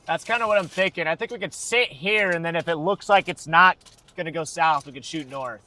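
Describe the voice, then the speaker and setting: Talking from inside his vehicle, this American storm chaser chats casually with his livestream audience. He speaks a little fast, with a slightly high voice and a sharp tone.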